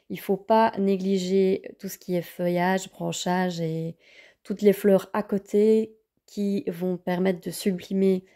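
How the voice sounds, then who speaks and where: A woman's voice: on the low side, creaky, mellow. A woman vlogger casually reviewing books, hesitant with many fillers.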